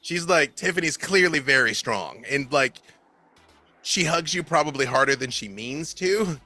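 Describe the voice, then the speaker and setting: A man's voice: on the high side, lively intonation, moderate pace, bright, forceful tone, faint music behind. A man narrating as game master in a loose, chatty way with lots of fillers.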